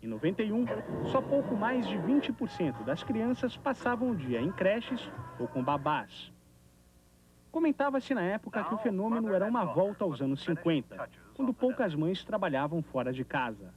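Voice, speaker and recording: Brazilian TV reporter, high animated voice, VHS. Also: male voice, normal speed, lo-fi sound. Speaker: TV news reporter. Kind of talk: scripted TV news report narration. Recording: noisy 1990s VHS tape of TV broadcast.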